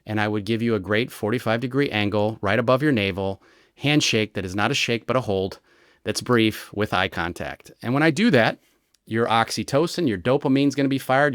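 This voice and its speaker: A man, a retired American federal agent, explaining his methods in an interview with lively examples and frequent "right?" checks. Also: medium pitch, dry recording, clean studio sound. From United States. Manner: animated storyteller, explains with examples and rhetorical "right?". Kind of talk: conversational explanation.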